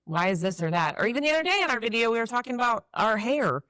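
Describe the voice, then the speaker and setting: A woman, co-hosting a podcast and telling stories in a lively, casual way, swearing freely. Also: fairly high pitch, fast talker, no echo. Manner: animated storyteller, swears freely. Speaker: podcast co-host. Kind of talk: casual conversation.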